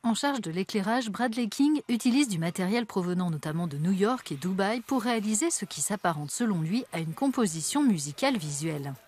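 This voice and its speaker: A woman reporter reading a scripted news narration in an even, measured way. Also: mid-range voice, slightly rough. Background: background music.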